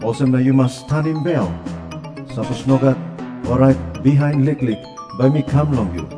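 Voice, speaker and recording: A man's voice: medium pitch, normal speed, long reverb tail. Papua New Guinean man reading scripture over music. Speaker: scripture reader. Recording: music behind the voice.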